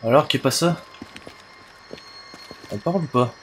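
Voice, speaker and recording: A man's voice: medium pitch, normal speed, slight background noise. A man giving casual commentary as he plays a video game. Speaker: let's play host.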